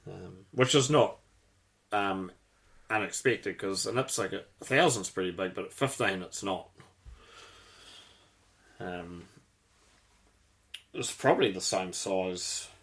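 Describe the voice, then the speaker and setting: Deep-voiced man in casual chat. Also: takes it slowly, gravelly, long pauses, a bit bright. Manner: rambling, technical, swears casually.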